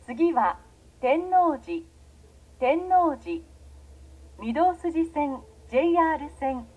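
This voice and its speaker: A woman's voice: high voice, animated, takes it slowly, a little mellow, low-quality recording. A woman reading formal, scripted station announcements as a subway announcer. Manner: formal, carefully phrased.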